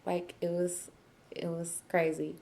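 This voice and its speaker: A young woman, telling a story casually and animatedly, laughing often and acting out her own shouting. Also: on the low side, level tone, slow pace, creaky. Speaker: new mother vlogger.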